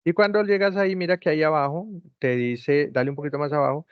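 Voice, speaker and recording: A man's voice: a little high, fairly even intonation, fast, clear, resonant tone, no room sound. Patient male tutor on a lo-fi call. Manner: patient, repeats instructions step by step. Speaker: online course tutor. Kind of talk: guiding students through a video call. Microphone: video call. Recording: dull lo-fi call audio, dry.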